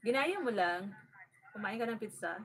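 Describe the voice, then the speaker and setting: A woman's voice: medium pitch, lively intonation, normal speed, a bit bright, a little hiss or hum. A woman from the Bicol region of the Philippines, hosting a casual farm-vlog livestream and greeting viewers by name as she fusses over her audio setup. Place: rural home in the province.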